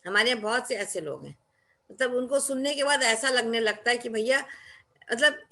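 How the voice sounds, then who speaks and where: A woman's voice: on the high side, animated, normal speed, bright, forceful tone. A woman giving a motivational talk, speaking emphatically and acting out quoted lines in between.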